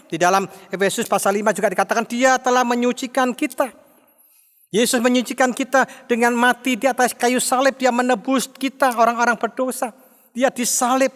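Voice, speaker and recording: Middle-aged man as pastor, emphatic sermon, high voice, echoing church. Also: a bit bright. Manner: emphatic preaching with rhetorical questions; mimics quarrelling spouses in a raised voice. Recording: long reverb of a church hall.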